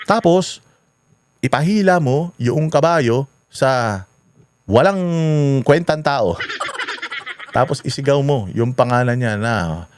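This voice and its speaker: A man's voice: medium pitch, expressive, slow, long pauses, slight background noise. A man doing a scheming, boastful royal adviser. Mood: gloating.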